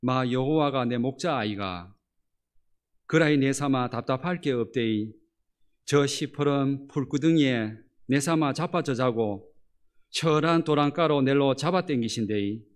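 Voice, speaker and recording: A man's voice: mid-range voice, natural voice. A man putting on a hearty, brash Gyeongsang-dialect voice to recite a psalm. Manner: brash, hearty local speech.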